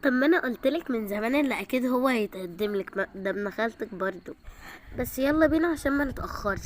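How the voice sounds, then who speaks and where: A woman's voice: fairly high pitch, lively intonation, fast talker, slight background noise, natural voice. A woman voicing a teasing, chatty younger sister, with an Egyptian accent. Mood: playful. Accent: Egyptian Arabic. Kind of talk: home-made toy drama.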